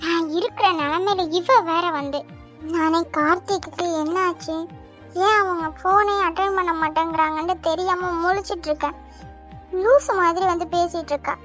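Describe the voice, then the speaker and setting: A woman's voice: very high voice, moderate pace, fairly bright tone, highs cut off, faint music behind. A woman voicing an anxious young cartoon woman who frets to herself about her lover. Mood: worried. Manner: fretful, muttering to herself.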